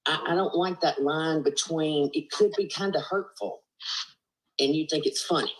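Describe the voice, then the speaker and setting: Speaking at a normal pace in a low-pitched voice, a woman with a Southern US accent joins a group video call as a live-stream panelist. She's earnest but rambling, full of fillers and "you know," heard through a laptop or phone mic with poor audio.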